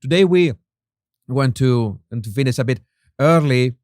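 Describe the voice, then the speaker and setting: With a medium pitch, lively intonation and a darkish tone at normal speed, a Venezuelan man hosts a YouTube chat in English with a Spanish accent, going through viewer comments. He restarts sentences often, fills gaps and chuckles at his own jokes. The sound is dry and clean, studio grade.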